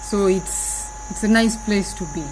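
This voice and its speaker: A woman's voice: mid-range voice, measured pace, background noise. A woman, a guest in a casual group discussion, speaking in short simple statements. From Uganda.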